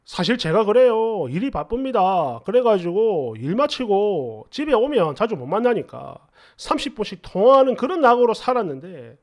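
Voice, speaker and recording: High-voiced male narrator with lively intonation, telling a story in an exasperated, chatty way. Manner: conversational, exasperated, rhetorical asides. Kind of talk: narrating a reader-submitted story in first person.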